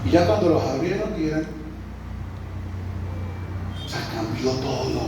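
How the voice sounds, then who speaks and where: Preacher with a Colombian accent in an echoey church. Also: male voice, mid-range voice, animated, unhurried, vocal fry. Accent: Colombian Spanish. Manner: storytelling preacher, conversational, addresses the congregation as brother. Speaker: pastor. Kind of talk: sermon. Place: church hall. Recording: roomy echo, mic at a distance, faint background noise.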